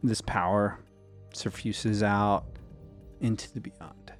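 A man serving as game master, narrating scenes of a tabletop role-playing game in a slow, measured way. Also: fairly low pitch, steady tone, faint music behind.

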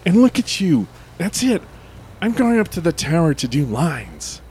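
A man's voice: a little high, big pitch swings, slow pace, dark tone, slight background noise, pitched above the performer's own voice. A man voicing an impatient, crude young woman who swears in a raised, pushed-up voice. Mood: exasperated. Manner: exasperated, swearing.

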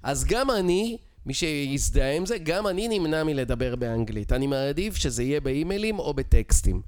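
A man's voice: fairly high pitch, lively intonation. Middle aged israeli guy explaining stuff casually, kinda insistent, teacher-like, asks little check questions. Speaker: real estate expert guest.

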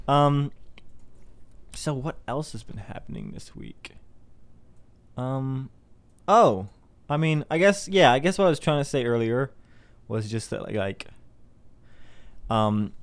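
A man's voice: mid-range voice, no echo. Rambling, chatty man on a casual monologue. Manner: rambling, chatty, laughs at his own jokes. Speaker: host.

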